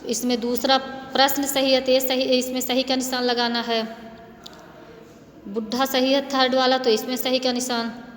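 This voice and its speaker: A woman teaching a primary-school grammar lesson, patiently repeating each word slowly for young pupils. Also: sits high, flat delivery. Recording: echoey room with faint background noise.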